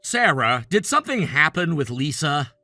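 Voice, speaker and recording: A put-upon, exasperated brother played by a man in a family drama story. His voice is high and bright with animated swings as he earnestly complains, in a dry recording. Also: moderate pace, no room sound, faint music behind, full character voice. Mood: puzzled. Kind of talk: acted dialogue in a narrated family drama.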